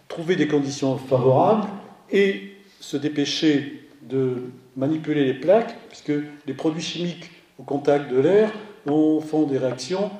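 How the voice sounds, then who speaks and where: Mellow man lecturing in an echoey room. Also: a little high. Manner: digressive, corrects himself mid-sentence; dry humorous asides. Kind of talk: slide lecture on art and photography.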